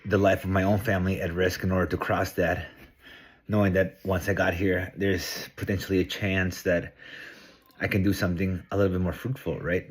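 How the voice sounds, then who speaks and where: A man's voice: deep voice, breathy edge. A middle-aged man from Peru, talking to camera in a casual, earnest, reflective monologue. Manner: earnest, reflective, thinking aloud. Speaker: vlogger.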